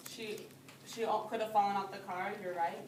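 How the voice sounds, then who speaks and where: The teacher has a mid-range, slightly mellow voice with fairly even intonation and a normal speed. Reading a storybook to young children indoors, she talks it through patiently and simply and echoes their answers, as a preschool or early grade teacher would. Captured by a distant phone or camera, the video is roomy and noisy.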